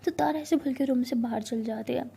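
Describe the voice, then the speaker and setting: A woman with a high, mellow voice narrates a love story in an easy, conversational way. She retells the events plainly and moves from one scene to the next without drama. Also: fairly quick, creaky, breathy edge.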